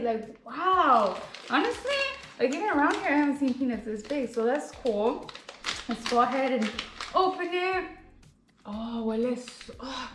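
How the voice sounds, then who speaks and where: Bubbly high-voiced woman tasting snacks. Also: a little hiss or hum. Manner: bubbly, gushing, peppered with "like" and "guys"; mixes in Spanish phrases. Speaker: food reviewer. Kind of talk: casual tasting vlog. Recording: echoey room.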